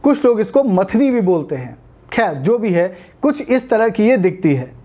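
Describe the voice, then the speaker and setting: A woman with an Indian accent teaches a spoken English lesson. Her voice is warm and mellow at a middling pitch. She explains patiently and slows down to spell out each word. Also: very animated.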